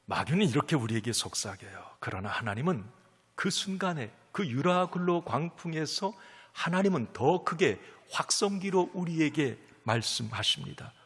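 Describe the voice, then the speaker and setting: A man preaching a sermon as pastor, emphatic, swinging from loud calls to near whispers, in a church sanctuary. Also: on the high side, big pitch swings, moderate pace, slightly rough, long reverb tail.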